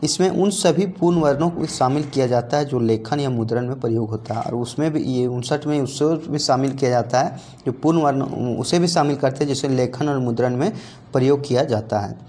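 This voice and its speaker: पुरुष शिक्षक, झारखंड लहजे वाली Hindi. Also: male voice, mid-range voice, brisk, dark tone. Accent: Jharkhand Hindi. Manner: repeats points, asks and answers his own questions. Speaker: teacher. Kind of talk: exam-prep grammar lesson.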